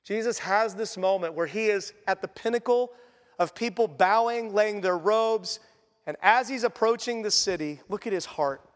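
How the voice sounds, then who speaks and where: A man delivers a sermon in a fairly high voice, talking to the congregation in an earnest, conversational way. He often sinks to a hushed, soft tone to stress a point. His voice rings with the long reverb of a large church hall. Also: moderate pace. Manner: earnest, conversational preaching with sudden quiet drops. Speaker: pastor.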